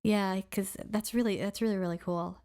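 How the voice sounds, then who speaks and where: A woman co-hosting a podcast speaks in a medium-pitched, slightly mellow voice that stays steady at a moderate pace. In this casual chat she's enthusiastic, heavy on filler words, and especially fond of "like" and "really cool."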